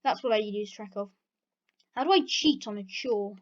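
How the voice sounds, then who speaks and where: With a mid-range voice and a moderate pace, the British teenage host chats through her question-and-answer vlog. She wanders off on tangents packed with fillers, and the recording is dull and lo-fi.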